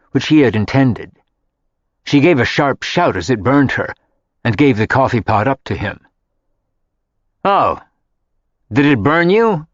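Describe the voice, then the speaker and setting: A man narrating a contemporary drama audiobook in a steady storytelling voice. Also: medium pitch, no echo, highs cut off. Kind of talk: scripted narration.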